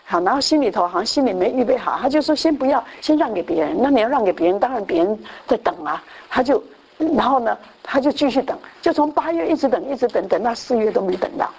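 A woman's voice: fairly high pitch, lively intonation, fast talker, darkish tone, husky. A woman preaching, telling a testimony as a sermon story with many repetitions and restarts, sometimes acting out the people she quotes. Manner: acts out quoted voices, mixing in English phrases.

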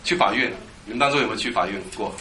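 A man preaching a lively Bible teaching sermon, quizzing his congregation and drilling them on Greek words. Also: fairly low pitch, rapid-fire. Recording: echoey hall with background noise.

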